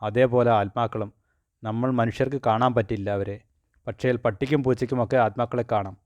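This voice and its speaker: A man's voice: mid-range voice, fairly even intonation, a little fast, darkish tone, no echo, natural voice. Man voicing a superstitious, scolding old grandmother in a storybook reading, close and dry.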